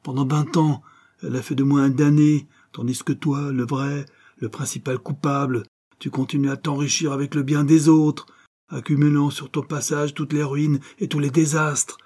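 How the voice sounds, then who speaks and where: A man's voice: medium pitch, fairly even intonation, moderate pace, mellow, husky, natural voice. A man voicing an old, embittered ex-convict vagabond who speaks with bitter, vehement accusation. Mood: bitter accusing.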